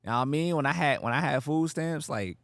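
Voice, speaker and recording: A man hosting a casual podcast, talking in a slangy, joking, animated storytelling way. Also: a little high, quick pace, no room sound. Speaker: podcast host. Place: warehouse, close dry sound.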